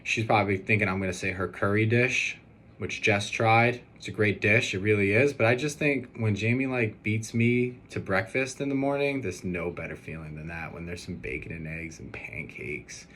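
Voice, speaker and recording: In a casual video message, a young groom-to-be fields questions, sounding earnest but unsure and wandering off track. His pitch is fairly low, his speed normal, and steady noise runs in the background.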